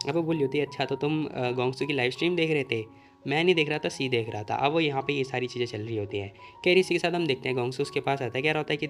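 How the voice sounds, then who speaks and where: A man narrating a casual recap of a comic story, retelling the plot and quoting the characters' lines in his own voice. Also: mid-range voice.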